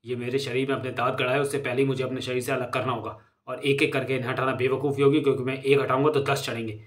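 A man's voice: medium pitch, level tone, fast talker, natural voice. Young masked hero in a comic-story reading, played by a male narrator: earnest, self-questioning. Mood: alarmed.

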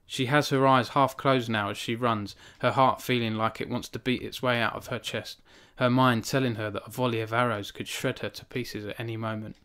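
His voice is mid-range, clear and resonant, fairly bright and steady, delivered briskly with hardly any pauses. He is an author in his thirties hosting a live stream from a small home room, reading his novel into a studio microphone on a stand before chatting earnestly with viewers. That chat is self-conscious, with frequent restarts and fillers.

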